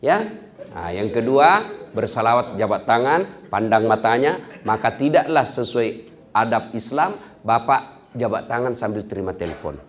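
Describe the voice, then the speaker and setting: A middle-aged man, giving a humorous sermon that swings from loud to soft. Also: mid-range voice, normal speed. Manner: lively, acts out quarrels in a raised voice, swings from loud to soft. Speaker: preacher.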